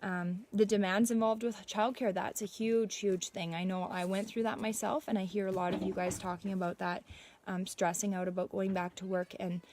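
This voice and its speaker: This young Canadian mother talks in a relaxed, comforting way on her livestream, sharing what she's been through herself. She has a slightly mellow mid-range voice with little pitch movement and a normal speed, and there's slight background noise.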